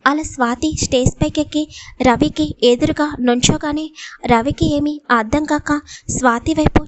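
A woman narrates an audio story in a steady, dramatic reading voice. Her voice sits high. The recording is dry and close, with no room sound. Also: no echo. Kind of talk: scripted narration.

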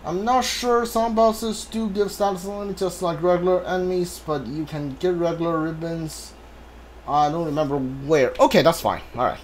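A game streamer, a man with a slightly high voice and fairly even intonation, gives casual live commentary on his playthrough at a normal pace, rambling and hesitating as he thinks aloud. The recording is low quality, with faint video game ambience in the background.

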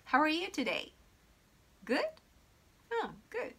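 A woman's voice: sits high, wildly swooping pitch, extremely slow, gravelly, a bit bright. A woman teaching English pronunciation, explaining step by step with frequent hesitation fillers.

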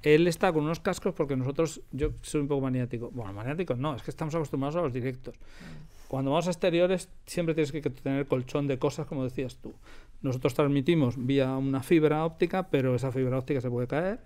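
Quick spanish guy in a radio studio, smooth voice, keeps correcting himself. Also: medium pitch, a little mellow. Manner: quick, explanatory, corrects himself mid-sentence. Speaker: radio drama production team member. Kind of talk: casual interview chat.

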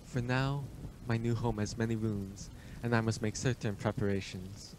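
An actor playing a suave, imperious Transylvanian vampire count in a radio play, speaking with formal, deliberate, ominous politeness. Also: male voice, lowish voice, fairly even intonation, darkish tone, slight background noise, lightly acted, low-quality recording. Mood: courteous, ominous.

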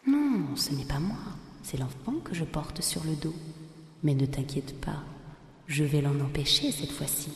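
A sly old cannibal woman from a folk tale, voiced by a woman reading the story aloud. She speaks low and hushed, coaxing and menacing by turns. Her voice sits rather deep for a woman. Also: expressive, a little slow, roomy sound, long reverb tail.

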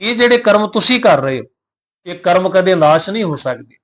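A man teaching the correct recitation of scripture, chanting verses slowly and deliberately, then explaining them plainly and respectfully to his listeners. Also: sits high, expressive, a bit bright. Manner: addresses listeners respectfully and humbly.

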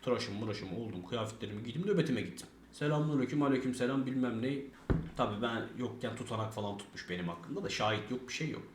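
Fast-talking swearing man, echoey room. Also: mid-range voice, background noise. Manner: fast, rambling, swears a lot, acts out quoted dialogue. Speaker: streamer telling a story. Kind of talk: casual storytelling with heavy swearing.

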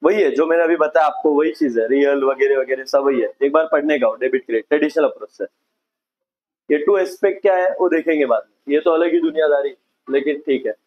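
A man's voice: on the high side, brisk, dull audio. A male accounts teacher giving a classroom lecture, explaining step by step and checking in with his students. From India.

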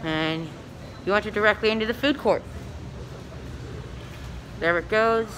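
A man's voice: high voice, unhurried. Man narrating an elevator tour vlog. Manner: hesitant, many ums, talks to viewers. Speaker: vlogger filming elevators. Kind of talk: casual walk-through narration. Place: indoor shopping mall. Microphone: handheld phone camera. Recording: noisy mall ambience.

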